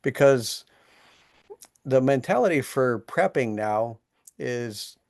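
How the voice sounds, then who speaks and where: A man's voice: mid-range voice, animated, takes it slowly, darkish tone, studio quality. A man hosting an online town hall, talking in a plainspoken, earnest way about community and caring for people. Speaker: host, resiliency leader.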